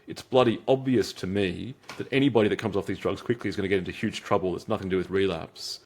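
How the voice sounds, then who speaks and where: Appearing as an interview guest, an Australian psychiatric trainee answers questions reflectively, restarting often and using many fillers. His voice is deep and darkish, and he talks at a quick pace.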